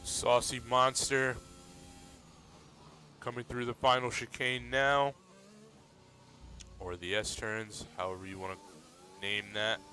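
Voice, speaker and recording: A man commentating a sim racing league race in a relaxed, steady play-by-play manner. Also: mid-range voice, takes it slowly, long pauses. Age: adult.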